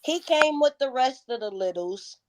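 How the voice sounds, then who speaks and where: A woman's voice: high voice, animated, moderate pace, a little hiss or hum. A woman in her thirties, a guest in a casual interview, telling stories bluntly with plenty of profanity. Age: 30s.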